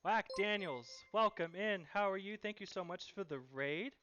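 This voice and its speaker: A man's voice: high voice, moderate pace, sharp tone, clear, resonant tone, dry recording, highs cut off. A man running a live cooking stream, chatting and cheerfully thanking viewers as he cooks.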